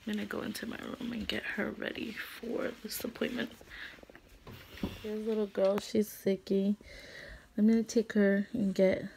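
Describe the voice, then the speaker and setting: A woman's voice: mid-range voice, unhurried, creaky. A young woman chatting casually to her phone camera in a vlog. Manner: chatty, relaxed, talks straight to camera. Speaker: vlogger. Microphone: phone camera at arm's length. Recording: noisy phone recording.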